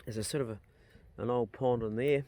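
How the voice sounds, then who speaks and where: A man's voice: medium pitch, steady tone, a little fast, warm tone, a little hiss or hum. Casual man with a broad Kiwi accent. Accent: broad New Zealand. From New Zealand. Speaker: vlogger and landowner. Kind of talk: casual outdoor vlog chat.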